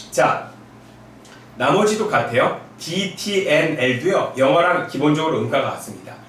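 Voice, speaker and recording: A middle-aged male professor giving a recorded lecture. He is relaxed and chatty, adds asides, and demonstrates sounds by sliding his voice up and down. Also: slow, a little hiss or hum. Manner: demonstrates sounds with sung pitch glides. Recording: echoey room from a distance.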